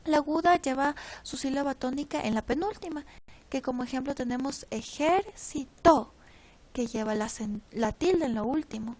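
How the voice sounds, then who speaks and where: A teenage girl reading a class presentation from notes, pausing and stumbling over words now and then. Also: sits high, a little mellow, low-quality recording. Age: teens. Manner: reads from notes with pauses and slips. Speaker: student presenter.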